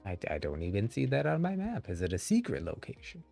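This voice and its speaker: A man's voice: on the low side, wildly swooping pitch, fast talker, creaky, warm tone, soft background music. A man wearing a retainer, giving casual, rambling game commentary as a streamer and thinking aloud.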